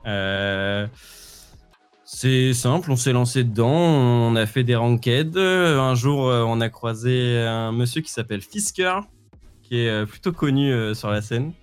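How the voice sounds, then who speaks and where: A man's voice: mid-range voice, lively intonation, measured pace, clean tone, soft background music. A man in his twenties with a Parisian French accent, chatting casually and hesitantly as an interview guest. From Paris region, France. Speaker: esports player, podcast guest.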